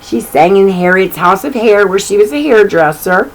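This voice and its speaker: This children's story host reads a picture book at a moderate pace in a medium-pitched voice with lively intonation, chatting to her young listeners through asides and repeated phrases. The audio is poor.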